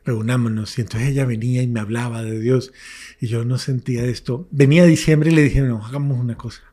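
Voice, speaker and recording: Husky priest telling his testimony. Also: medium pitch, fairly even intonation, a little fast. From Colombia. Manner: earnest storyteller, drops to hushed whispers when recalling prayers. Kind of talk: testimony in an interview.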